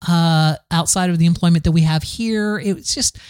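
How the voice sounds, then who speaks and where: A man's voice: fairly high pitch, moderate pace, a little mellow, clear, resonant tone, dry recording, clean studio sound. A man from the American South hosting a podcast, talking in a candid, rambling solo monologue full of restarts. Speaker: podcast host.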